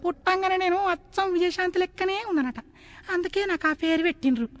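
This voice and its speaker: Shrill sassy schoolgirl, as a man puts her on. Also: fast talker, a bit bright. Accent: Telangana Telugu. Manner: high falsetto girl voice, saucy. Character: sassy village schoolgirl, answers back.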